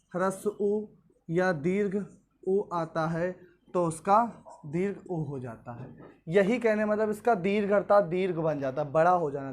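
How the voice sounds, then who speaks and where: A man's voice: sits high, a little mellow. Man teaching grammar, quizzing himself. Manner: asks questions then answers them himself, repeats each step. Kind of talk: classroom grammar lesson.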